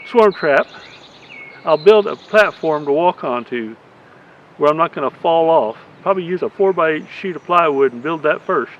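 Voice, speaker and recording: A man's voice: fairly high pitch, a little hiss or hum. A man in his eighties, a beekeeper, chatting in a rambling, folksy way through an outdoor how-to video. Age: 80s. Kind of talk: casual how-to vlog. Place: outdoors in a rural yard. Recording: slightly dull lo-fi sound.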